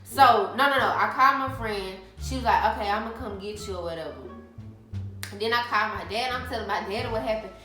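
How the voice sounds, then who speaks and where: A young woman from Alabama, casually telling a story to her viewers in an animated, chatty way. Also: fairly high pitch, fairly quick, echoey room, soft background music. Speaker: vlogger.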